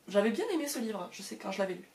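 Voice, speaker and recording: A woman's voice: medium pitch, very fast, gravelly, darkish tone, slight background noise. Chatty woman vlogging about books. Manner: chatty, many hesitations and fillers. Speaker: book vlogger. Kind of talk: casual chat to camera. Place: at home.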